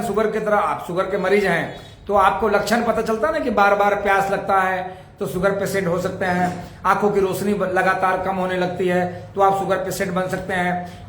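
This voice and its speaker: A man's voice: sits high, pushed and bright, roomy sound. A man leading a motivational network-marketing training, using rhetorical questions and repeating key points to drive them home. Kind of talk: motivational sales training talk.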